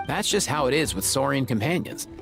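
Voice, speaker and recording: Laid-back young warrior, lively intonation. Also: male voice, mid-range voice, brisk, gravelly, over music. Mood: relaxed, friendly. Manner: casual, slangy. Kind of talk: video game voice acting.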